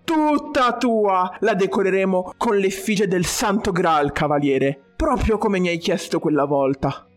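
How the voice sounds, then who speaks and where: A narrator voicing a boisterous male restaurant boss who plays a king, with loud, booming exclamations over faint music. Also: expressive, unhurried, few pauses, natural voice. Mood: generous.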